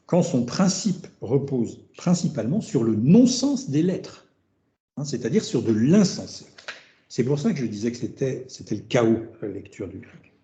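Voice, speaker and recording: A French researcher with a very dark, medium-pitched voice gives an academic seminar lecture, thinking aloud, repeating words, and tagging phrases with "hein." The recording from the seminar room is roomy and dull.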